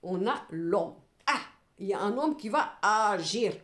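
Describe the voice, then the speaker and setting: A woman clairvoyant reads cards for her viewers, with a lively pitch that rises and falls widely. She talks expressively and breaks into exasperated, comic asides. The recording has a noticeable room echo. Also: a little slow. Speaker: clairvoyant card reader. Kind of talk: card reading addressed to viewers. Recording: roomy echo.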